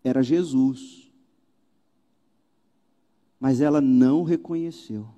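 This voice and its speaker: A man preaching from a church pulpit, animated, with rhetorical questions and wry asides. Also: medium pitch, slow, long reverb tail. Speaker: pastor. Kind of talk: sermon.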